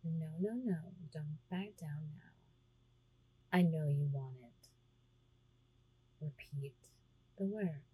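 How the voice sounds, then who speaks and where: A woman with a low, mellow voice speaks slowly right at the microphone in an intimate roleplay. Her tone is very breathy and husky, and she teases, easing in and out of whispers. The delivery stays hushed and close throughout. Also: no room sound, low-quality recording. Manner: teasing, slips between soft talk and whispers. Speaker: audio roleplay performer.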